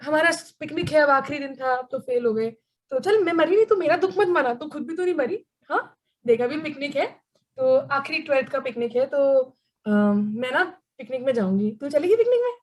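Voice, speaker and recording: A woman's voice: sits high, expressive, fairly quick. A woman playing a wailing doom-mongering schoolgirl. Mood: flustered. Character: gloomy melodramatic teenage schoolgirl who spreads despair. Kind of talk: amateur church skit acting.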